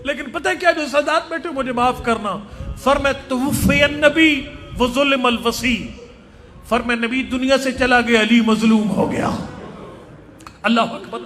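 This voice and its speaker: High, piercing man wailing a mourning sermon. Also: a bit bright. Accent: Punjabi-tinged Urdu. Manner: chanting, wailing delivery. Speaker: Shia orator. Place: mosque gathering. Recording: crowd and noise from a live gathering.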